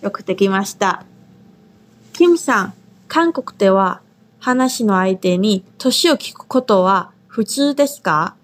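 A woman from Taiwan teaching a language lesson, modelling pronunciation slowly and carefully. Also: mid-range voice, lively intonation. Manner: slow, drawn-out model pronunciation.

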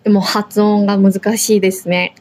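A woman's voice: mid-range voice, level tone, moderate pace, a little mellow. A woman from Korea co-hosting a language lesson, repeating words after the teacher and chatting about customs. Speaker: co-host and learner. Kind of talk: casual language lesson chat.

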